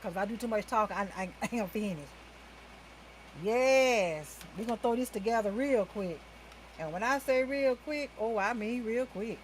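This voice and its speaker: A woman's voice: on the high side, normal speed, a little hiss or hum, low-quality recording. A woman hosting a casual makeup livestream from indoors at home, chatting with viewers and calling them y'all. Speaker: talk show host doing a makeup livestream.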